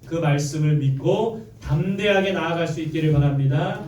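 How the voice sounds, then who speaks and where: Pastor guy preaching a sermon, high voice, kinda far from the mic in a boomy church, congregation saying amen. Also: normal speed, darkish tone, a little hiss or hum. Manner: preaching with call-and-response, leading the congregation in repeating verses. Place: church sanctuary. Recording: echoey church, mic at a distance. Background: congregation answering amen.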